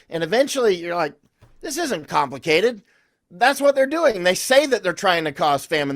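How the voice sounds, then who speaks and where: A man's voice: high voice, fairly bright tone, no room sound, studio quality. A man speaking as a podcast guest, telling rambling, anecdotal stories with restarts and confident, emphatic declarations. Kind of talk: conversational interview storytelling.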